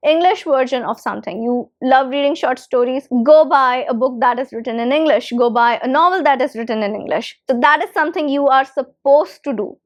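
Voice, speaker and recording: Here a Hindi-speaking woman runs through an English lesson for the camera at a brisk clip, barely pausing. Her pitch is high, and she keeps repeating key phrases for emphasis.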